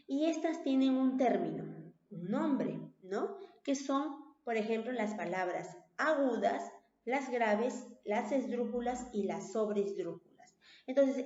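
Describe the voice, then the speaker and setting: A woman teacher talks through a recorded class in a patient, repetitive way, often checking in with the listener. Her voice is a little high and mellow. The sound is roomy and dull, like a lo-fi home recording. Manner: patient, repeats points with tag questions.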